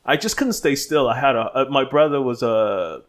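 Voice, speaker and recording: In his thirties and from the Bahamas, this stunt performer tells his story as an interview guest. He's relaxed and rambling, full of restarts and fillers, speaking at normal speed with a medium-pitched voice.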